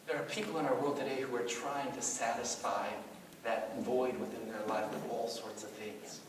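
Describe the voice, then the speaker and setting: Man, middle-aged, pastor, sermon, animated storytelling, echoey hall, distant mic. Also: mid-range voice, moderate pace. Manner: animated conversational storytelling, many asides. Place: church hall. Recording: echoey hall, mic far off, faint noise.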